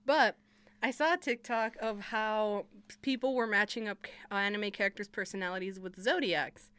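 A woman's voice: medium pitch, moderate pace, fairly bright tone, clean tone, dry recording. A young woman co-hosting a casual podcast chat, rambling and laughing, swearing often. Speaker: podcast co-host.

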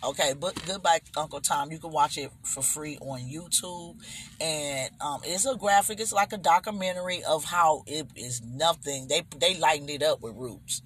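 Man, middle-aged, bright and forceful, slightly high, podcast host, faint hiss. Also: normal speed. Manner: animated, keeps asking "you understand?". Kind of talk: casual podcast chat.

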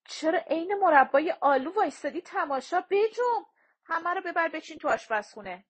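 A woman voicing a plump, bustling housekeeper in an audiobook, brisk and affectionate while scolding the help. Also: extremely high pitch, lively intonation, voice pushed up. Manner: loud, brisk, warm scolding.

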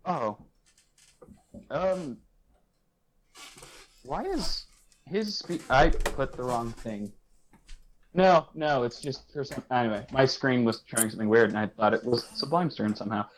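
A man's voice: medium pitch, expressive, unhurried, pauses often, slight background noise, poor audio. A man running a tabletop game as game master, chatty and giggly, with lots of fillers.

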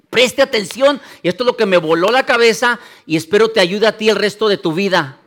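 A male pastor preaches with a high voice that swings widely up and down. He acts out listeners' doubts in quick asides. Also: fairly bright tone. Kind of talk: sermon.

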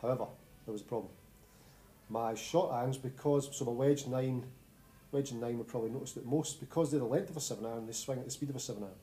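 A man's voice: medium pitch, quick pace, warm tone. A man with a Scottish accent co-hosting a podcast in a casual, bantering chat about sport. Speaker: podcast co-host.

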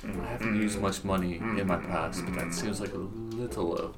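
A woman's voice: very deep voice, fairly even intonation, normal speed, music in the background. A woman chatting casually as a player in a tabletop game.

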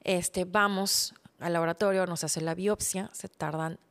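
A woman's voice: on the low side, unhurried, clean tone. Woman telling a personal story. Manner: animated, acts out dialogue, trails off softly when recalling illness. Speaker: podcast host.

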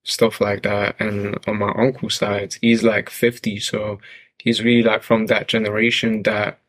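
A man's voice: lowish voice, level tone, a little slow, fairly bright tone, no echo. A young man from France, a music producer guest, talking casually and laid-back with lots of slang and fillers. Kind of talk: casual interview talk.

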